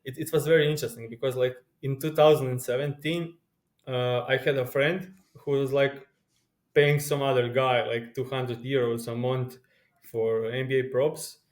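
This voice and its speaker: A man's voice: medium pitch, level tone, normal speed. Interview guest: young man with a Croatian accent, Croatian native, eager and rambling, keeps restarting sentences. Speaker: guest, pro sports bettor. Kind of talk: casual interview chat.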